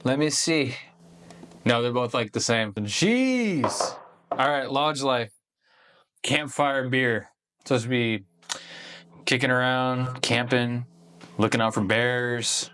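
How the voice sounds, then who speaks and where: A man's voice: medium pitch, little pitch movement, slow, long pauses, pushed and bright, smooth. A man hosting a casual beer-tasting review video, talking in a laid-back, profane, slangy way.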